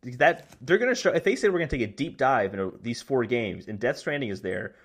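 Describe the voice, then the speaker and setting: A man's voice: medium pitch, fast, breathy edge. A man co-hosting a casual gaming podcast, talking eagerly and correcting himself as he goes. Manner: rambling, self-correcting, excitable. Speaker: podcast co-host.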